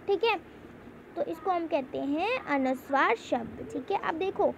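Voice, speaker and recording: A woman's voice: very high-pitched, lively intonation, measured pace, vocal fry. A young woman teaching a Hindi lesson to children online, often repeating points and checking in with "theek hai". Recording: slightly dull home recording, faint hiss.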